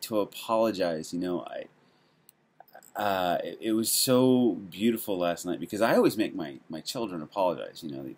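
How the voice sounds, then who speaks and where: Brief: low-voiced man, casual devotional host, rambling reflective musings. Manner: meandering, musing, thinking aloud. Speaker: devotional podcaster and father.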